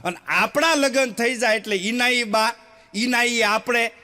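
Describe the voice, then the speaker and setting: Male stand-up storyteller, high bright voice, acts out dialogue. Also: a little slow. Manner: acts out dialogue, laughs along, drawls some lines. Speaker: stand-up comedian. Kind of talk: Gujarati folk comedy storytelling.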